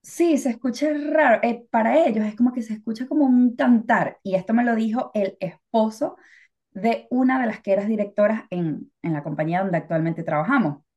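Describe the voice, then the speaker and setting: A woman's voice: fairly high pitch, fairly quick, dark tone, lo-fi sound. A Venezuelan woman co-hosting a podcast, talking in a chatty, reflective way with lots of fillers. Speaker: podcast co-host. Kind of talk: casual podcast chat.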